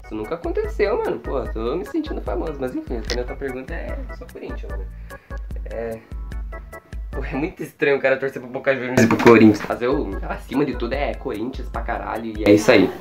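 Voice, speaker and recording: A teenage boy with a Brazilian Portuguese accent answers viewer questions in a loose, unscripted vlog, slangy, jokey, self-mocking, and swearing a lot. His mid-range voice is animated and a little fast over music. He's filmed on a phone or webcam at arm's length in a small bedroom with wooden walls.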